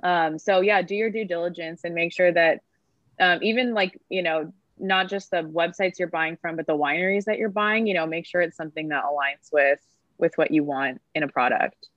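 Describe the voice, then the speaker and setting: A woman's voice: fairly low pitch, normal speed, fairly bright tone, no echo, lo-fi sound. A woman sommelier chatting casually on a podcast, full of fillers and easy laughs. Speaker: sommelier guest.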